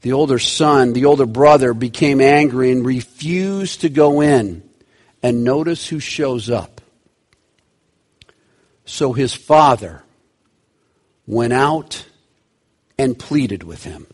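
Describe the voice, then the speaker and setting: A man preaching a sermon, animated, swinging between loud and hushed, stretching key words. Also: mid-range voice, slow pace, long pauses. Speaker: pastor.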